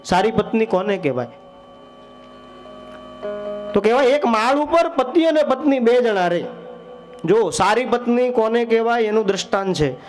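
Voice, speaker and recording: Young male kathakar, high-pitched and animated, faint guitar underneath. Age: young adult. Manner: animated storytelling, acts out the wife's voice with high, loud outbursts. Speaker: storyteller preacher. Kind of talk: devotional story sermon.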